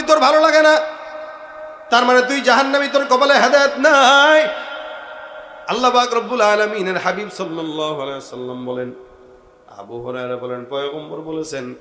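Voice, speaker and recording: A male preacher delivers a thundering waz sermon in a high, bright voice. He swings between roaring climaxes and hushed asides, pressing his audience with questions. The sound is echoey with a faint noise floor. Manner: swings from thunderous shouting to low murmurs, questions the crowd.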